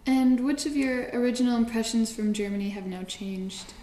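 A woman presenter introduces the segment and asks interview questions. Her voice is higher than average and mellow. Her tone is clear and prompting. The recording has a noticeable roomy echo. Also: moderate pace.

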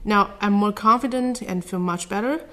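A woman from China whose first language is Chinese, answering interview questions carefully in a somewhat halting, earnest way. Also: medium pitch, pushed and bright. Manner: careful, earnest, slightly halting non-native phrasing.

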